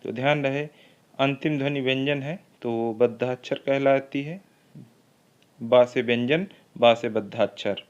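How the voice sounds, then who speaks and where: A man's voice: mid-range voice, unhurried, lo-fi sound. A man teaching a Hindi literature exam-prep lecture, reading each question twice before going through the options and explaining the answer.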